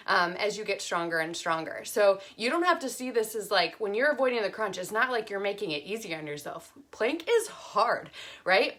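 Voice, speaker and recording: A woman's voice: medium pitch, fairly bright tone. A young woman instructor casually talking through core exercises while doing them, slightly out of breath, with lots of fillers. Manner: chatty, many fillers, counts aloud while demonstrating. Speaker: fitness instructor.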